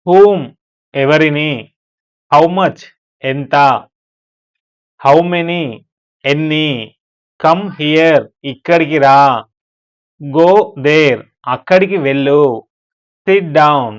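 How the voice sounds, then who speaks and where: A man's voice: a little high, clear, resonant tone. A man with a Telugu accent teaching spoken English, reading each short phrase twice with its translation. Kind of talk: slow spoken-English lesson.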